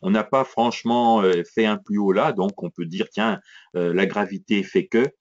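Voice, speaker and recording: A man teaching live as a trading instructor, talking fast and punchy, full of little fillers. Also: lowish voice, fairly even intonation, muffled recording. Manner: quick, punchy, many hein and voilà fillers. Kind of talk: live educational screen walkthrough.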